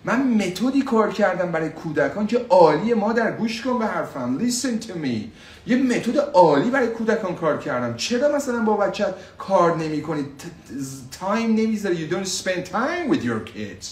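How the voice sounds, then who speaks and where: Animated teacher. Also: male voice, high-pitched, echoey room, recorded from a distance. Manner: switches between Persian explanation and slow drilled English phrases; animated, repeats phrases for learners. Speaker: English teacher. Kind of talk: live online English lesson.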